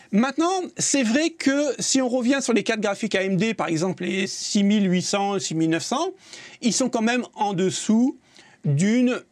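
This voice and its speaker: Guy with a high voice, chatty tech host giving his take, keeps repeating himself. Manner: opinionated, repeats himself, hedges with "je pense". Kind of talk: casual tech commentary.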